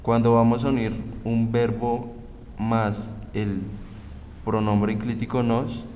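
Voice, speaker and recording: A young man from Colombia, a student explaining grammar rules in a slow, halting way. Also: little pitch movement, mellow. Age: young adult. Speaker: student presenter. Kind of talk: reading a grammar tutorial. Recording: roomy reverb, faint rumble.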